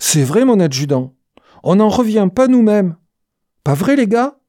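A reader voicing a cool-headed male soldier who leads his squad with calm, insolent composure, in an audiobook. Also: mid-range voice, unhurried, dry recording, studio quality, pitched above the performer's own voice. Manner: unflappable, calmly insolent. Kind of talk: audiobook character voice.

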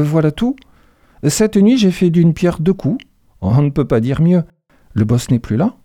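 A man's voice: on the high side, dark tone, dry recording, clean studio sound. A man doing a smug scheming businesswoman. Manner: smug, taunting, deliberate. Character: scheming ambitious female executive, cold and mocking.

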